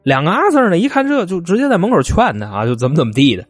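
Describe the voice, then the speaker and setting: Male true-crime narrator, animated swooping delivery, chatty folksy asides, faint music under him. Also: high voice, quick pace, husky, no echo. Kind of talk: colloquial spoken crime storytelling.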